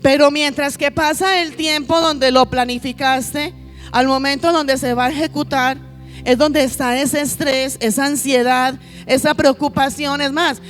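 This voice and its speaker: Woman pastor, high voice, sermon with faint music underneath; rhetorical, repetitive delivery. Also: steady tone, a little slow. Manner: preaching with repeated lists and rhetorical questions to the congregation.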